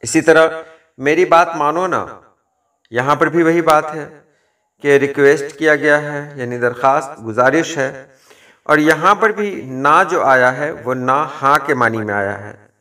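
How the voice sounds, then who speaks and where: A man giving a measured lesson, explaining word usage and quoting verse and example phrases. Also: a little high, pushed and bright. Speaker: language teacher. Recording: distant from the mic.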